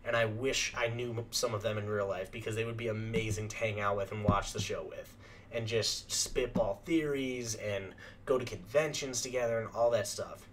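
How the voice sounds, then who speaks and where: A young man hosting a reaction channel who chats casually and rambles with lots of fillers, clearing his throat as his voice starts to go. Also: on the low side, steady tone, normal speed, slight background noise. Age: young adult. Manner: rambling, filler-heavy chatter.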